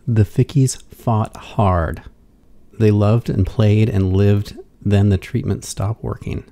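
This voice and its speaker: A man reading scripted documentary narration in a measured, unhurried way. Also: lowish voice, fairly even intonation, gravelly, mellow.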